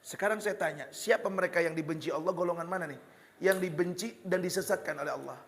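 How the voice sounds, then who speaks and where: A man with a Betawi accent preaching a lively, joking sermon, slipping into Betawi slang. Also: high-pitched, fast, vocal fry, big-room sound, slight background noise. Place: hall with religious gathering.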